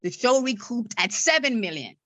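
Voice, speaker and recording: Being interviewed on a podcast, a marketing and media relations director explains patiently, stuttering, repeating herself and tacking on "right?" often. Her voice sits a little high with lively intonation, a moderate pace and a fairly bright tone, recorded dry.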